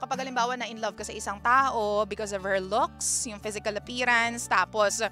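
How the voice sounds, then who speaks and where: A woman's voice: a little high, brisk. Chatty Filipino woman radio DJ. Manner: chatty, animated, mixing Tagalog and English. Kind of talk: radio advice talk reading listener messages. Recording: radio broadcast with faint music behind.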